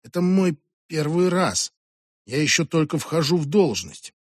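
A flustered young lieutenant on his first job, read by a man. He blurts things out and mumbles, in a voice a little higher than usual, set close and dry. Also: very animated, measured pace, no echo. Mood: awkward. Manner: mumbling, awkward and blunt.

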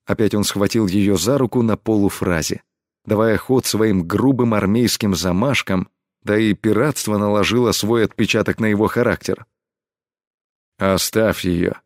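Low-voiced male audiobook narrator, calm and measured, dry close recording. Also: dry recording. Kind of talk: scripted narration.

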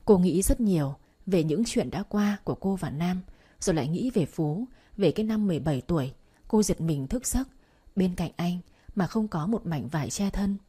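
Low, warm-toned woman narrating a story. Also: animated, moderate pace, slightly rough. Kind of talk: audiobook narration.

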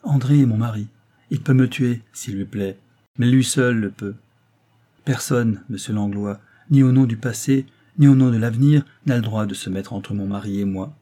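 A man reading aloud voices a proud, defiant young wife, raising his voice higher and speaking with haughty indignation. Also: normal speed, warm tone, close to an everyday voice. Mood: indignant.

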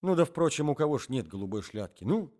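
A man's voice: medium pitch, big pitch swings, fast, warm tone, pitched above the performer's own voice, lightly acted. Man doing a coughing, forgetful old husband. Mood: doddering chatter. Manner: rambling, wheezy, coughs often.

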